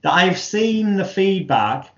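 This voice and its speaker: A man's voice: sits high, big pitch swings, slow, fairly bright tone. A man hosting an interview, explaining and commenting in a frank, wordy, emphatic conversational manner. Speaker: interview host, hypnotherapist. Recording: echoey room, dull lo-fi audio.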